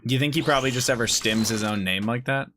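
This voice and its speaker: Guy streamer chatting w chat, mid pitch, swears a lot, faint noise behind. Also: fast talker, pushed and bright. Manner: loose, swearing, joking with chat. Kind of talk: casual live-stream chat.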